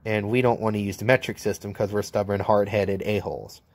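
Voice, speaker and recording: A man's voice: lowish voice, fairly even intonation, brisk, dry recording. American welder guy, jokey and blunt, walking through his measuring tools outside, mic on the camera. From United States. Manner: blunt, joking, opinionated. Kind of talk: casual hands-on tool demo. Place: outdoor welding table. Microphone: handheld camera mic, filming one-handed.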